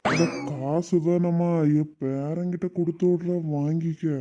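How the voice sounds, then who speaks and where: A stingy old grandpa in a cartoon, put on by a woman, gruff and bossy, with a southern Tamil Nadu accent. He speaks slowly, and the sound is dull and lo-fi. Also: mid-range voice, fairly even intonation, background noise, pitched below the performer's own voice, lightly acted. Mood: grumbling.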